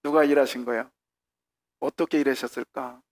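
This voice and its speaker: A man preaching a sermon as a pastor in a church, animated and shouting out lines of acted dialogue. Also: mid-range voice, moderate pace. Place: church sanctuary.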